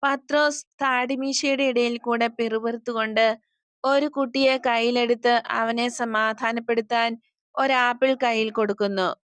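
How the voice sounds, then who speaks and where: A woman's voice: on the high side, a bit bright, dry recording. A woman reading a devotional story aloud as scripted narration, giving the characters' lines in her own voice.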